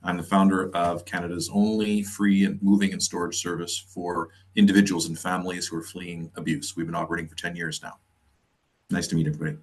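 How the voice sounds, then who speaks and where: A man introduces himself to a panel audience in a friendly way, often filling pauses. His voice sits very low. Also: flat delivery. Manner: friendly, with frequent fillers. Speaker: founder and panelist.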